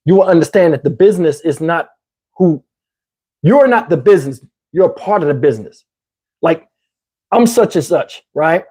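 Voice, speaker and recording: Somewhat high and a little mellow yet slightly rough, this man's animated voice moves at a moderate pace broken by long pauses. He's a Southern US YouTube host rambling on a casual livestream, saying "you know what I'm saying," his voice tired and throat parched.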